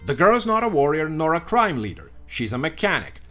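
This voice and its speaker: Guy narrating a comedy story recap, bright and kind of sharp, sarcastic asides, faint music underneath. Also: fairly high pitch, sing-song, a little fast. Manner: sarcastic asides and mock outbursts.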